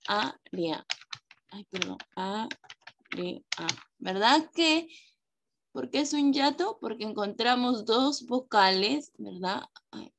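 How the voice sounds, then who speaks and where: A patient woman teacher with a fairly high voice. She explains slowly to her class, stressing key words and often stopping to check that everyone follows. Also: vocal fry. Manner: patient, with frequent checks for understanding; affectionate diminutives, slow stressing of key words. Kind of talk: online class lesson.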